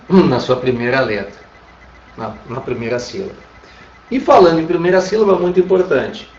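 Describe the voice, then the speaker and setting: A man with a Brazilian Portuguese accent teaching an online Spanish class, patiently repeating "tá?" to check that students follow. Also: on the high side. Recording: roomy, distant, dull lo-fi sound.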